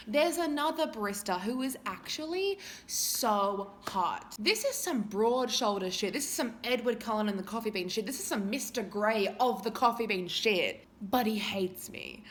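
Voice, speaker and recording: A woman's voice: high voice, a bit bright. A young woman with a lisp telling a casual storytime vlog, crude, swearing and self-mocking. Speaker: vlogger.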